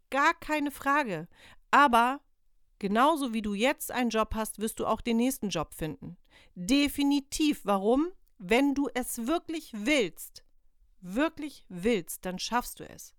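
A woman speaks in a fairly high, smooth and clear voice, recorded close and dry. She hosts a motivational podcast in an earnest, coaching way. She keeps putting rhetorical questions to her listener. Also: no room sound. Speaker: podcast host, self-employed team leader. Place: lives in northern Germany.

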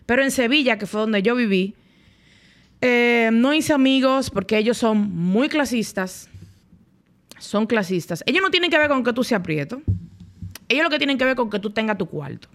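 With a slightly high voice and lively intonation, a young Dominican woman talks at normal speed as a guest on a podcast. She recounts her own story candidly and bluntly, using casual, colloquial language.

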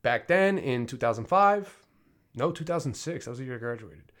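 A man in his thirties speaks candidly as a podcast host, in a loose, rambling monologue. He talks in a middle pitch and keeps correcting himself and filling pauses as he goes. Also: animated, fairly bright tone. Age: 30s. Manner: candid, rambling, frequent fillers and self-corrections. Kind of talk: casual personal monologue.

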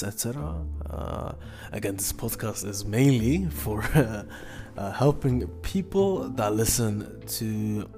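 Halting, creaky-voiced man hosting a podcast. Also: on the low side, darkish tone. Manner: halting, hesitant speech with frequent stops and repeats. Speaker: podcast host. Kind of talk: casual solo sports betting preview.

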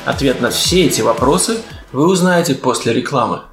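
Over a music bed in an echoey room, a podcast host from Latvia jokes ironically in a mock-pompous style. He has a light Latvian accent, a medium pitch, lively intonation, and speaks a bit quickly on this casual comedy show.

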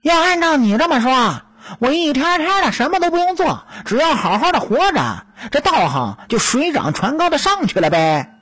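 A woman's voice: high voice, sing-song, normal speed, fairly bright tone, voice pushed up. A woman voicing a cocky, teasing male weasel spirit in a storytelling audiobook. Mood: smug teasing. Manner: teasing, smug, chuckling.

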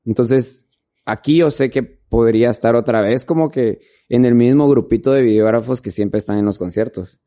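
Speaking at a normal speed in a warm, mid-range voice, this man is a videographer being interviewed. He keeps things casual, wandering through his stories with plenty of fillers.

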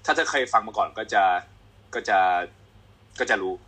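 A man's voice: on the low side, lively intonation, normal speed, bright, forceful tone, breathy edge. A man doctor on an online panel, talking casually and repeating words.

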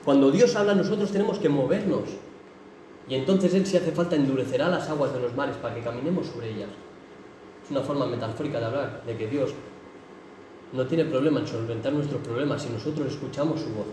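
In an echoey hall, a distant microphone captures a man delivering a sermon, impassioned and building to emphatic bursts. He speaks briskly in a mellow, mid-range voice over slight background noise.

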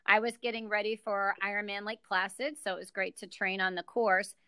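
Bright, crisp-voiced American woman guest. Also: mid-range voice, fairly even intonation, brisk, no echo. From United States. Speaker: guest, executive director. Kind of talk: podcast interview.

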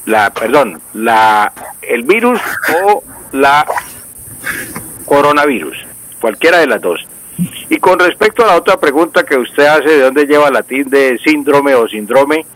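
A Colombian man with a mid-range, fairly bright voice speaks Colombian Spanish on a rough recording. As a language expert on a radio news show's call-in advice segment, he patiently explains usage, repeating words and using lots of fillers.

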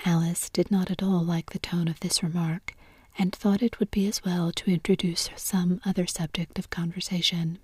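Soft whispering woman reading a storybook. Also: fairly low pitch, husky, no echo. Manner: slow, even and gentle.

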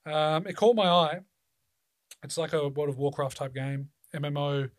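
A man's voice: a little high, normal speed, no echo, studio quality. An Australian man hosting a casual chat, rambling loosely and swearing freely.

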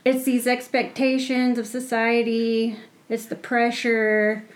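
A woman's voice: fairly high pitch, completely flat delivery, takes it slowly. A woman in her thirties co-hosting a casual podcast, blunt and ranting with constant swearing. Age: 30s. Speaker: podcast co-host.

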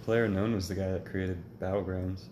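A young man in casual podcast chat, teasing his friend in a dry, deadpan way. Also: sits low, a little fast. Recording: echoey room with faint ambient noise.

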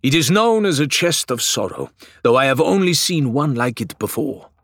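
A man's voice: mid-range voice, big pitch swings, normal speed, fairly bright tone, no room sound, studio quality, voice pushed up. A man voicing a formal, courteous male pirate who speaks with grave precision. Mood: solemn.

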